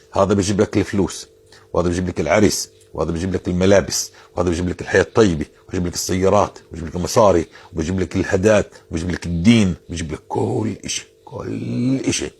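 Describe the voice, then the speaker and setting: A man's voice: low-pitched, darkish tone, breathy edge. A man giving informal religious advice, earnest and insistent, repeating phrases to drive his point home.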